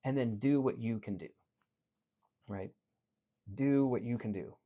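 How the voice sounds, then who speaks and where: A man in the role of a life coach talks straight to his listeners in an earnest motivational style. He swings between animated stretches and quieter ones while he tells a story. His voice sits at an ordinary middle pitch, and the recording sounds a little dull and lo-fi. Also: unhurried.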